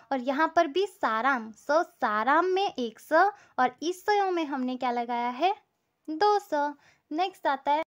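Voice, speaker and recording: Slow, high-voiced woman teaching a language. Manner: patient, explains slowly with repeated examples. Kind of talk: step-by-step language lesson.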